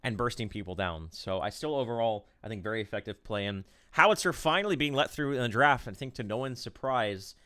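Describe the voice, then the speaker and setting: A male esports caster calling a tournament draft live. He rambles through picks with many "uh"s and bursts of excitement, in an everyday mid-pitched voice. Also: fairly quick, few pauses. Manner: rambling, excitable play-by-play with fillers.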